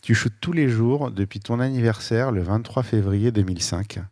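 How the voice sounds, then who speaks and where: A man hosting a podcast interview, talking in a relaxed, chatty way with many fillers. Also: medium pitch, normal speed, no echo. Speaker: podcast host. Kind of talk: casual interview talk.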